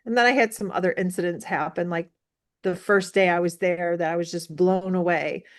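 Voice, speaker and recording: A woman in her sixties from the United States, telling a story as an interview guest in an animated, rambling way with many fillers. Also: lowish voice, moderate pace. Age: 60s. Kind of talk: casual storytelling.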